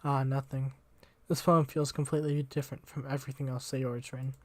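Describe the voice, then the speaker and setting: A man's voice: mid-range voice, little pitch movement, brisk, dry recording. A young man reading a visual novel aloud as the channel host, casual and slangy, tripping over words now and then.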